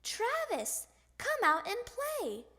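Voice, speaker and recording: Brief: woman voicing a squeaky, bouncy kid frog, hollers and whines, drawn-out delivery, picture book. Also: huge pitch swings, exaggerated voice. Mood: excited. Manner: loud, whiny hollering. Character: excitable young boy frog. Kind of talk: picture book read-aloud.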